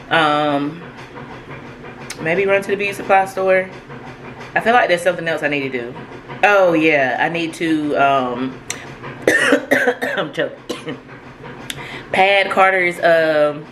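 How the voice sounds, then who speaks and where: A woman's voice: low voice, a bit bright. A young woman chatting casually in a vlog about her day, rambling and upbeat with lots of fillers. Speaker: vlogger. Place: home with a washing machine running. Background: washing machine noise.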